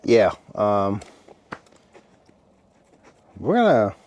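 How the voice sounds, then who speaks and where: A tired, relaxed man chatting casually to his viewers from inside a heated tent at night, rambling and stopping to talk to his dog. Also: lowish voice, very slow, dull audio, slight background noise. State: tired after a meal. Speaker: camping vlogger. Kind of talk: casual vlog chat.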